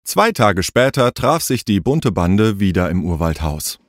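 A man's voice: fairly low pitch, sing-song, unhurried, dry recording, studio quality. A man reading a children's story aloud, shifting his voice for each character. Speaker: narrator.

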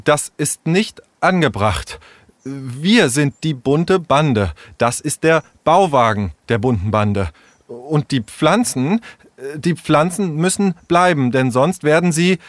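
A man's voice: a little high, expressive, slow, no echo, voice pushed up. A man voicing a stubborn, serious boy who loves plants in a storybook reading. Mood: insistent. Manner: earnest, insistent.

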